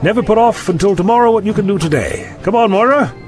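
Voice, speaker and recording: Man playing an animated, eccentric Doctor Who. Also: sits high, fast talker, music in the background. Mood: breezy, insistent. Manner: animated, breezy, insistent. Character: eccentric, chipper, evasive male time-travelling doctor. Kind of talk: audio drama acting.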